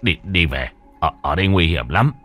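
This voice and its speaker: A man voicing a gruff old grandfather who speaks low and hurried. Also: expressive, fairly bright tone, faint music behind, heavily acted. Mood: urgent.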